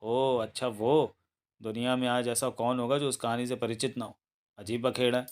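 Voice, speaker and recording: A man's voice: mid-range voice, level tone, normal speed, natural voice. A man voicing a worried middle-aged father who grumbles and rambles at his son, in a read-aloud novel. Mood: gruff worried.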